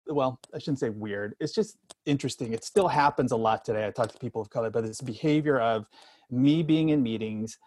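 A middle-aged man speaking candidly as an interview guest, telling personal experience in a halting way, often repeating and restarting phrases. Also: mid-range voice, a little mellow, dry recording.

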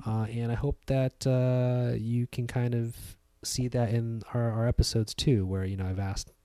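A young man hosting a podcast, talking casually in a soft, hesitant way with many fillers. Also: medium pitch, level tone, unhurried. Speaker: podcast host.

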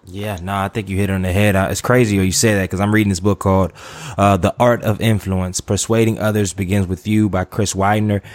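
A man's voice: sits low, little pitch movement, brisk, no room sound. A man hosting a podcast, talking loosely with restarts and asides. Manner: rambling, many restarts and asides. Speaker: podcast host. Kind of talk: casual interview talk.

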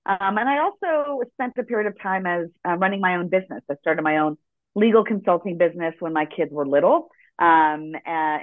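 A woman's voice: low voice, no room sound. A middle-aged American-born woman, a guest telling her story in an earnest, reflective way. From United States. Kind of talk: conversational interview. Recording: dry, tinny phone line.

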